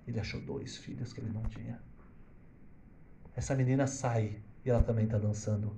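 A man telling a religious story dramatically, moving between hushed and loud. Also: on the low side, steady tone, a little fast, gravelly, slight background noise.

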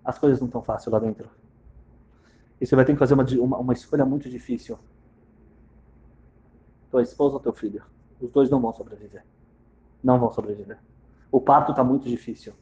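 A man's voice: medium pitch, fairly even intonation, fast, pauses often, mellow, lo-fi sound, pitched below the performer's own voice, natural voice. A man playing a grave senior doctor giving urgent bad news.

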